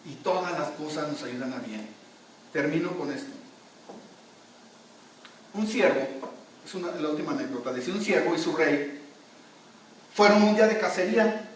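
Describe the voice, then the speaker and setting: A man's voice: fairly high pitch, lively intonation, moderate pace, pauses often, a little hiss or hum. A man preaching a sermon, emphatic, repeating his phrases as he tells an anecdote. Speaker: pastor. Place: church hall. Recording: very echoey hall, mic far off.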